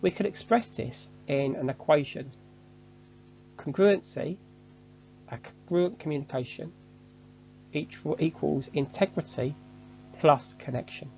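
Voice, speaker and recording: A man giving a measured, structured, scripted online lesson as a course instructor. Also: a little high, creaky, mellow, highs cut off, a little hiss or hum.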